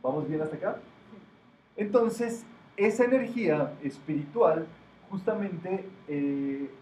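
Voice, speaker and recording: A man's voice: fairly high pitch, lively intonation, slow pace, a little mellow. A man teaching a metaphysics class, explaining and asking his students questions. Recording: echoey room, distant, dull, faint noise.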